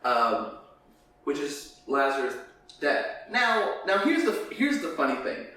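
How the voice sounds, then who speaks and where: A man's voice: on the high side, slow. A man with a lisp and whistling s sounds, chatting casually and jokily about faith as a podcast host, often acting out imagined lines. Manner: animated, jokey, acts out imagined dialogue. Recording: echoey room, distant mic, faint noise.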